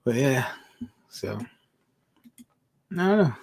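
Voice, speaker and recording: Man, 40s, stream host; easygoing chat, quick laughs, reads viewer comments aloud. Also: medium pitch, big pitch swings, creaky, a little mellow, a little hiss or hum. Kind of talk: casual livestream chat.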